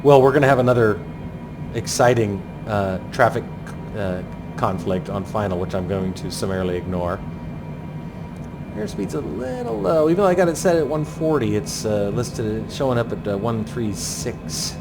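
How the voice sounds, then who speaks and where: A man's voice: on the low side, big pitch swings, moderate pace. Man narrating a landing approach over music. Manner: thinks aloud in clipped aviation jargon. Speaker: flight simulator pilot narrating. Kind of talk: running commentary on a flight approach.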